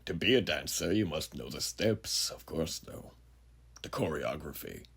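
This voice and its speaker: A man playing a huge, ageless, sinister judge who muses grandly and theatrically in a horror monologue, with a gravelly, breathy voice and rhetorical questions to the listener. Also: extremely low pitch, lively intonation, unhurried, fairly bright tone, exaggerated voice. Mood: grandiose, sinister. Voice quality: gravelly, husky, breathy at phrase ends. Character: huge ageless sinister philosophizing judge, menacing male drifter.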